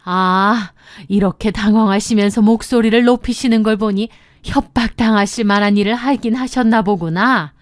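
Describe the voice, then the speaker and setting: A woman voicing a composed middle-aged mother who speaks in a cold, firm, measured way. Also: medium pitch, no echo, clean studio sound, natural voice. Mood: mocking, calm.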